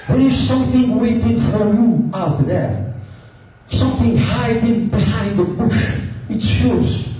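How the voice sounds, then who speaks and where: A man from Algeria giving an emphatic motivational speech, with big swings in pitch and laughs between phrases. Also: dark tone, slight background noise. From Algeria, Kabylie. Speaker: motivational speaker. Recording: echoey hall from far off.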